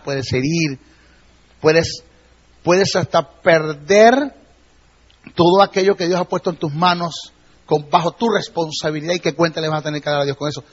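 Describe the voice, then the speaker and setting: A man's voice: on the high side, breathy edge. A man, a Bible teacher, giving an emphatic church teaching class and often checking in with his listeners. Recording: dull lo-fi recording.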